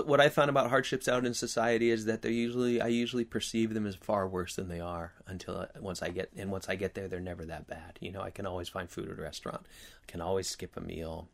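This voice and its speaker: A man chatting casually to his viewers as host, earnest and reflective, with halting, rambling phrasing and a slight whistle on his s sounds. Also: lowish voice, creaky. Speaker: video host.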